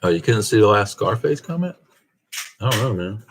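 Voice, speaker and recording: A man's voice: lowish voice, very animated, moderate pace, slight background noise. A man hosting a casual live stream, reading viewer comments aloud and chuckling in a laid-back way. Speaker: host of a car channel live stream.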